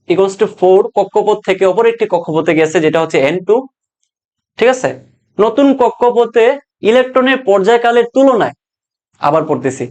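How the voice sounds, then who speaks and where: Young male physics tutor with a high voice, casual and jokey, keeps checking that students follow. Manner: explains step by step, often checks understanding with "ঠিক আছে?"; colloquial, jokes to students. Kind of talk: online exam-prep lesson.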